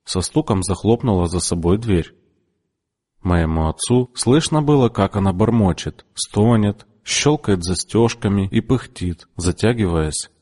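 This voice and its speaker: A man reads a story aloud in an expressive, measured way. His voice sits low but moves a lot in pitch. The recording carries a long reverberant tail. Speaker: narrator. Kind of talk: audiobook narration.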